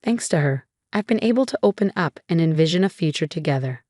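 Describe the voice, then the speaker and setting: A woman's voice: low-pitched, fairly quick, dry recording, clean studio sound. Woman doing a fond, easygoing middle-aged dad. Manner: fond, relaxed explaining.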